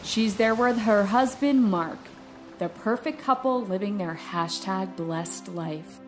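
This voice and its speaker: A woman's voice: medium pitch, takes it slowly, faint music behind. A woman hosting a true-crime review podcast, retelling the story with playful, sarcastic asides. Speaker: podcast host.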